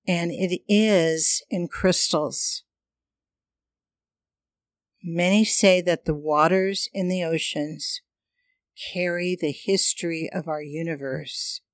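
A meditation teacher with a gentle, mystical healer manner, guiding a breathing and energy class in short, unhurried phrases. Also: mid-range voice, no room sound, studio quality. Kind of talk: guided meditation and breathing instruction.

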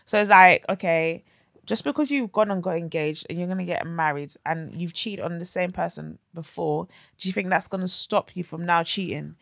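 Creaky-voiced young London woman, slangy. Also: lowish voice, moderate pace, fairly bright tone, no room sound, clean studio sound. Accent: London, urban slang. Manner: slangy, emphatic. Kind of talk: casual gossip and chat.

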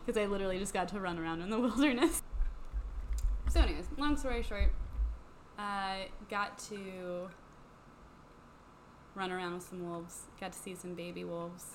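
A young woman co-hosting a casual podcast, chatty and rambling, a little hoarse from a cold and laughing often. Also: medium pitch, moderate pace, pauses often, a little hiss or hum. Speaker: podcast co-host.

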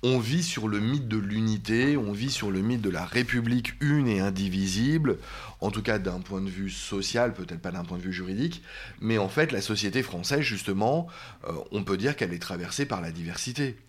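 A man hosting a podcast, asking measured questions and reformulating what his guest says. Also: fairly low pitch, breathy edge. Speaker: podcast host. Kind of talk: interviewer questions.

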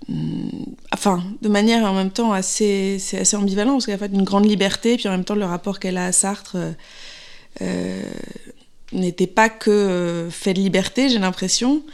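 A pregnant actress in her thirties answers interview questions hesitantly, with many fillers and restarts. Her voice is on the low side, with vocal fry.

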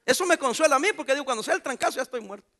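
High-pitched, bright-voiced joking pastor. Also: male voice, very fast. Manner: animated preaching with jokes and calls to the congregation. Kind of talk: sermon.

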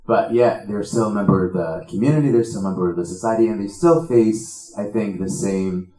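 A man from Tunisia asking a question from the audience, hesitant with many pauses and ums. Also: lowish voice, mellow, reverberant, low-quality recording.

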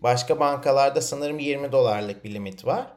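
A man's voice: medium pitch, moderate pace, darkish tone. A man interviewing in a casual, informal and encouraging way.

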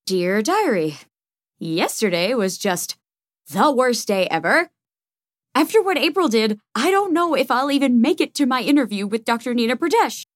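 A self-doubting young woman rambles anxiously through her diary, voiced by a woman. Her fairly high voice swings widely in pitch. The recording is dry and close, as in a comedy audio play. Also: sing-song, moderate pace, dry recording.

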